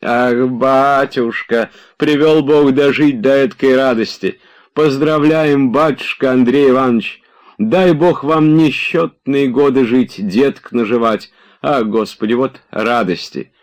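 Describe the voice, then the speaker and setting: A man voicing a fussy, fawning old male servant with a wheezy, hoarse voice. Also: medium pitch, measured pace, pitched above the performer's own voice, natural voice. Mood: fawning joy. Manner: fawning, bowing and fussing.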